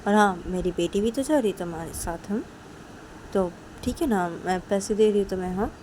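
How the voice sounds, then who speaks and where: A woman's voice: mid-range voice, brisk, warm tone, slight background noise, close to an everyday voice. A woman voicing Piu, a bossy young woman who coaxes and insists, repeating herself, in an amateur audio story. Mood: insistent. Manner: pushy, coaxing, repeats herself. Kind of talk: amateur storytelling with acted voices.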